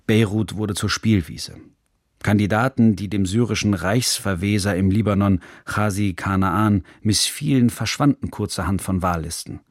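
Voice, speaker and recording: A man reading a scripted radio documentary narration in a measured, serious manner, recorded in a studio. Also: fairly low pitch, no room sound.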